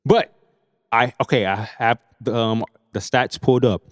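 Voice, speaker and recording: A man's voice: mid-range voice, steady tone, normal speed, no room sound, studio quality, long reverb tail. A man co-hosting a casual podcast, reading off stats in a laid-back way. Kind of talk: casual chat.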